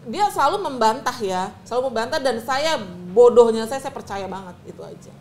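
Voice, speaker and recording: A woman's voice: fairly high pitch, a little fast, slight background noise. A middle-aged woman, a talk-show guest retelling her marriage story animatedly. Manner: animated, acts out quoted voices. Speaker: interview guest.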